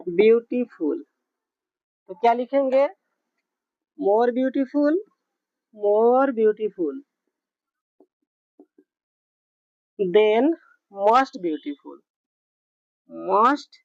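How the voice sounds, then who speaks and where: A woman teaching English grammar slowly, spelling words out and checking in often with her students. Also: on the high side, a little mellow, no room sound. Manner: slow, repetitive, spells words out letter by letter with frequent check-ins. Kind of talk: classroom grammar lesson. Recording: dull, muffled lo-fi sound.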